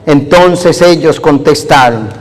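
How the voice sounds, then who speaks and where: High-voiced priest preaching in a hall. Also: male voice, slow. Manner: lively, acts out lines with playful humor. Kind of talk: sermon. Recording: long hall reverb.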